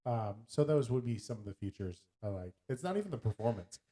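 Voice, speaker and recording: Brisk and medium-pitched, this male podcast co-host keeps the chat casual and joking. When he quotes things he slips into animated voices.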